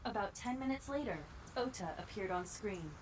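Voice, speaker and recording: A woman's voice: mid-range voice, expressive, normal speed, background noise, close to an everyday voice. A woman playing a composed, matter-of-fact artificial intelligence partner in a video game, speaking precisely and formally. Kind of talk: English video game voice acting.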